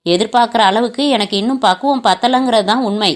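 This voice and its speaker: A woman's voice: a little high, brisk, lightly acted. A woman voicing an earnest, remorseful young man who speaks humbly, apologetically and politely in a storybook reading. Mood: remorseful, pleading. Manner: apologetic, pleading, respectful.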